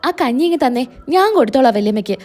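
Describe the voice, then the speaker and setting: Woman voicing jealous young niece, sneering, complaining, high lively voice. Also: quick pace. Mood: scornful.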